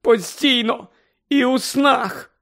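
A man voicing a distraught middle-aged mother witch, sobbing and pleading in a shrill, high voice. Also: slow, full character voice.

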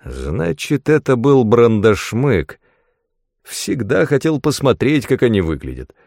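A man's voice: medium pitch, big pitch swings, a little slow, creaky, darkish tone, dry recording, studio quality. A man voicing a cheerful young male wizard in an audiobook, speaking eagerly. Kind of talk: audiobook character voice.

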